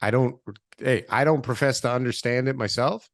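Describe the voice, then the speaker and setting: A man's voice: mid-range voice, normal speed, no room sound, studio quality. Blunt, wisecracking podcast co-host man. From Canada. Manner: blunt, joking, mildly profane. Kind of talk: casual chat. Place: podcast studio.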